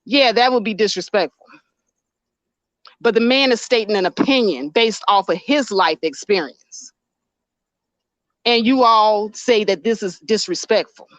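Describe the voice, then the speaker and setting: A woman hosting a livestream uses a powerful voice to bluntly argue her point, reading her chat aloud and answering it in casual commentary. Her voice is medium-pitched at a measured pace with frequent pauses. There is no echo, but the recording is low quality.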